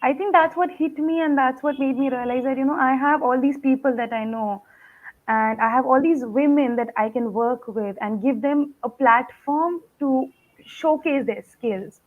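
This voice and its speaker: A woman's voice: high-pitched, normal speed. A woman, speaking earnestly and emphatically as a guest over a bad video call connection. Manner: earnest, emphatic, repeats "absolutely". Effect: tinny, phone-like sound over a bad video call connection. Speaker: guest, foundation founder. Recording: tinny, lo-fi video call line.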